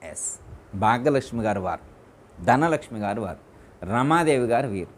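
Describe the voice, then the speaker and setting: A man's voice: medium pitch, expressive, moderate pace, a little hiss or hum. A man as spiritual teacher giving a discourse in a private home, repeating his phrases and putting questions to his listeners.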